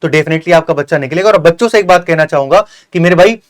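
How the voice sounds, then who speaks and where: Earnest lecturing man, slightly high voice. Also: fast talker. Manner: earnest, repetitive, lecturing with many fillers. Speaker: host of a coaching channel. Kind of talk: interview with a successful candidate.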